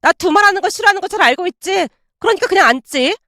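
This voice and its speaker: A woman puts on a spoiled young bully with a high, swooping voice, condescending and bossy as she taunts. The voice sits close and dry, with no room around it. She talks down to everyone in this audio story. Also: animated, quick pace, sharp tone, no room sound, exaggerated voice. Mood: sneering.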